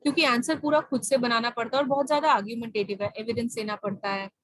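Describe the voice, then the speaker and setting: A woman's voice: on the high side, steady tone, quick pace, dry recording, poor audio. A woman with an Indian accent tutoring over a video call, mixing Hindi and English and often checking that her student has understood. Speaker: IELTS speaking tutor.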